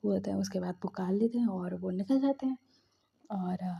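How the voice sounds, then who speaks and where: A woman narrating a fan story casually, in a soft, often half-whispered voice. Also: medium pitch, normal speed, vocal fry, breathy edge. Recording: dull lo-fi recording.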